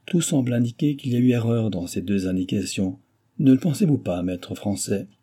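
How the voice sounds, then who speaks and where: A man's voice: medium pitch, animated, normal speed, mellow, slightly rough. A man voicing a stern judge presiding over a trial, speaking formally. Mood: questioning. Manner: formal, solemn. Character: stern older male court judge.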